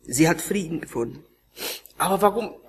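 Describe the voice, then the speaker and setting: Impassioned preacher, rising and hushing. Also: male voice, fairly high pitch, animated, normal speed, a little hiss or hum. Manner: emotional, swinging between raised pleading and hushed near-whispers. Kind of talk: sermon testimony.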